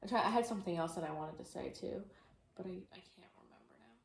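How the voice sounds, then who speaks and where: A woman's voice: lowish voice, fast, slight background noise. A young woman co-hosting a casual podcast, chatty and full of fillers, retelling stories with animation. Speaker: podcast co-host. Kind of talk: casual chat. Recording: echoey room.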